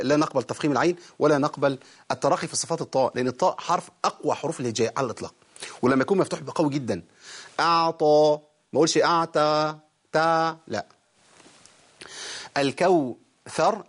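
A man with an Egyptian Arabic accent teaching Quran recitation rules, explaining quickly and then drawing words out slowly to demonstrate. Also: on the high side, breathy edge. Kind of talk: live call-in tajweed lesson.

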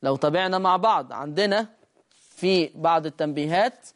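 An Egyptian-accented recitation teacher gives a classroom lesson, with a mid-range voice. The teacher keeps asking rhetorical questions, answers them at once, and draws out quoted verse in a slow chant. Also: mid-range voice. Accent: Egyptian Arabic.

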